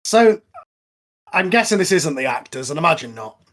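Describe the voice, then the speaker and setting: In a fairly high, sing-song voice with a fairly bright tone and moderate pace, the host and writer of an audio drama chats hesitantly through an informal film commentary, explaining things casually.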